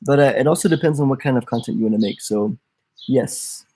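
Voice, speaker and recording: Husky-voiced young man co-hosting a live stream. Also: medium pitch, fairly quick. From United States. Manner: relaxed, joking, reads viewer comments aloud. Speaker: co-host of a travel channel. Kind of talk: casual live-stream chat.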